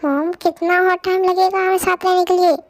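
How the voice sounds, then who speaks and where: A woman's voice: very high voice, level tone, normal speed. A woman voicing a young wife who pleads and talks emotionally, in a fan audio drama dub. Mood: sad. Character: young wife, tearful and longing.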